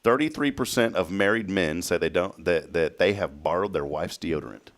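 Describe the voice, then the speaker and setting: A man's voice: deep voice, moderate pace. A man hosting a casual morning talk show from a small studio, joking as he reads news items and quizzes his co-hosts. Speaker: host. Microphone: headset.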